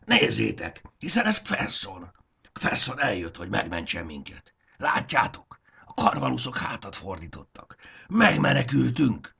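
A jubilant little male creature from a storybook, calling out high and bright as a male narrator puts him on. The voice underneath stays gravelly and husky, and it leaps all over the place. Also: big pitch swings, heavily acted. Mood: overjoyed. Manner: cries out loud and high. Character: excited male gurgo creature, grateful and joyful.

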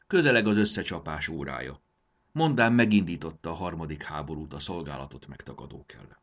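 A man's voice: extremely low pitch, animated. A man voicing a grave creature counselor who announces war in an audiobook. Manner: solemn, announcing. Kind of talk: audiobook character voice.

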